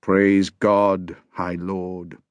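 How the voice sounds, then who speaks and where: A man voicing a soft-spoken, deferential old bishop. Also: low-pitched, little pitch movement, very slow, clear, resonant tone, no room sound.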